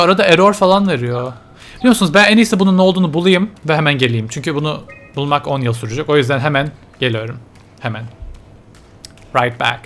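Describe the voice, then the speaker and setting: A man narrates his way through a horror game, talking nervously to himself in a voice sitting a little higher than most men's. Quiet game music plays faintly underneath. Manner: jittery, mutters to himself while playing. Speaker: let's play gamer.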